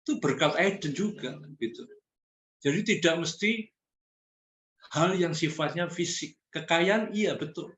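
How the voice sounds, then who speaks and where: A man's voice: a little high, unhurried, fairly bright tone, echoey room. A man preaching a sermon in a conversational teaching style, challenging the congregation directly.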